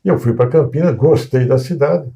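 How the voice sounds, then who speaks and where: A São Paulo coast Brazilian accent marks this man in his sixties, a civil engineer appearing as a guest in a casual interview. He reminisces about his career unhurriedly, often restarting and hesitating, in a warm, creaky, mid-range voice over a slight hiss or hum.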